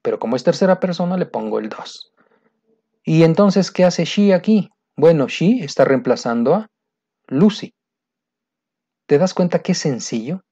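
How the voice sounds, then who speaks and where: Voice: mid-range voice, animated, a little slow, long pauses, dark tone, husky. Patient teacher, muffled recording. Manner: patient, repetitive, keeps checking understanding. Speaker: English teacher. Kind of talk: recorded grammar lesson.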